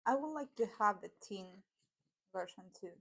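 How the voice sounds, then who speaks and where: A woman's voice: mid-range voice, animated, moderate pace, husky. A woman whose first language is Spanish, reviewing tarot decks in a casual chat, with fillers and self-corrections. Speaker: tarot vlogger.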